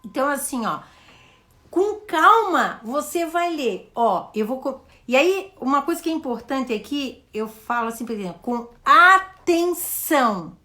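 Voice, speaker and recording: A Brazilian woman teaching in a live session, modelling the questions she asks a child and explaining each step with slow, stressed words. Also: high voice, animated, fairly bright tone. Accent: Brazilian Portuguese. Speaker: educator hosting a live session.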